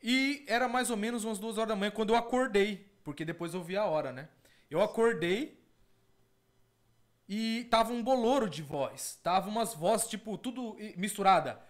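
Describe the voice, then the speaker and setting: A man's voice: high-pitched, moderate pace. A man, an evangelical host telling a testimony earnestly and often repeating his words. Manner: earnest, repeats words, calls listeners brothers. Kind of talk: testimony and reaction commentary.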